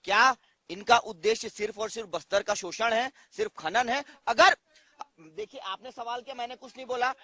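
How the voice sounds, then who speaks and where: Male panelist, high and bright, insistent list-making arguer. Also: normal speed, no echo. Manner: insistent, listing demands, repeated "dekhiye". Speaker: debate panelist, opposition side. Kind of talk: TV news debate argument.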